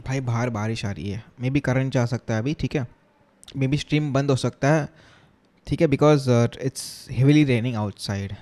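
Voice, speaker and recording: With a medium-pitched, slightly mellow voice and a measured pace, a young Chennai man hosts a casual coding live stream. He jokes around, reads the chat aloud to respond, and switches between Hindi and English tech terms.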